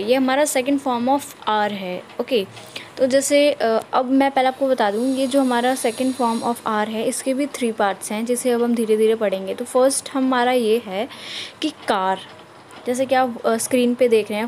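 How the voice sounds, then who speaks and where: A woman's voice: a little high, normal speed, darkish tone, a little hiss or hum, poor audio. A woman teaching shorthand in a screen-recorded tutorial, explaining each step patiently and checking in with her viewers often.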